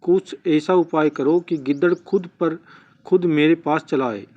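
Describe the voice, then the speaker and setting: A hungry, foolish storybook crocodile pleads with his friend for a scheme to catch dinner, put on by a male narrator. The voice sits a little high. The recording sounds dull and lo-fi. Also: unhurried, a little mellow. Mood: pleading.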